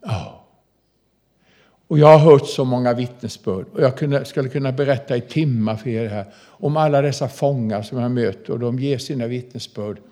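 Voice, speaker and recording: Older man, prison minister, storytelling sermon, folksy, animated, middle-pitched voice. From southern Småland, Sweden. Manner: folksy, animated, addresses listeners directly.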